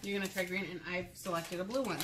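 Speaking fast in a fairly low, fairly bright voice with fairly even intonation, this mother in her thirties co-hosts a candy review with her child. She chats casually at a table indoors at home, explaining and asking simple questions. The phone-camera audio is roomy and noisy.

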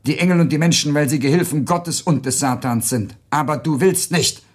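A man voicing a mysterious, insistent male spirit that tempts and presses, in a stern, raised, husky voice. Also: a little high, fairly quick, natural voice.

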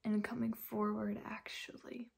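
A young woman acting a dramatic monologue as a distressed, ashamed young woman, with halting, tragic sorrow in her fragile voice. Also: mid-range voice, level tone, full character voice. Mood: sorrowful guilt. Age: young adult. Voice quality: breathy, husky, fragile.

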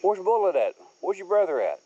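With a high voice, big pitch swings, and a dark tone, a man talks fairly quickly as he films his wooded homestead, rambling in a relaxed, folksy manner. Recorded outdoors on a handheld camera, the audio is slightly dull, with insects and crickets behind him.

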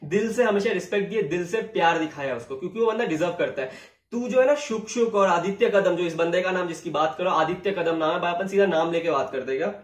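A young YouTuber rants at the camera, confrontational and repeating himself. His voice sits high. It echoes around the room from a little off the mic. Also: quick pace, far from the mic. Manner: heated, confrontational, repeats phrases. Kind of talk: angry rant to camera.

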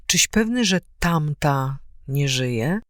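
Hot-headed young swordsman, urgent and solemn, woman reader doing him, pitch jumps all over, dry sound. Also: lively intonation, slow, a bit bright, no room sound, heavily acted. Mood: hushed urgent.

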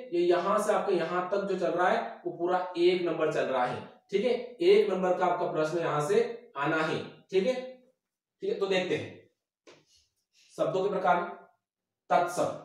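A man teaching a board exam grammar lesson, dictating definitions slowly and repeating them. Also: sits high. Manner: slow, repetitive dictation of definitions. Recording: echoey room, mic far off.

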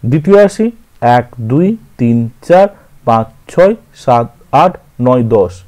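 Slow, lively Bengali-accented male teacher. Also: mid-range voice. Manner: slow, counting aloud and correcting himself. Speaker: literature teacher. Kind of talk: scanning verse syllable by syllable.

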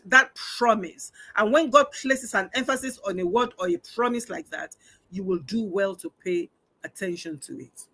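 A woman's voice: a little high, fairly bright tone. A woman preaching a sermon, emphatic and repeating phrases for emphasis. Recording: online church stream.

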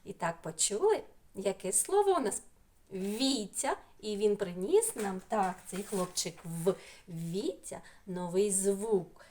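A woman's voice: mid-range voice, animated, slow pace, dark tone. A middle-aged woman from Ukraine teaching a remote phonics lesson to small children, drawing out and repeating sounds in a sing-song way. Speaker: preschool teacher. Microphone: computer mic in an online class.

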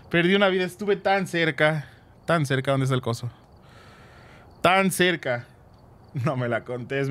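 A man's voice: on the high side, a bit bright. A man streaming a ghost-hunting game, chatting with viewers and thanking them, with dramatic exclamations. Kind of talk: live game stream with chat.

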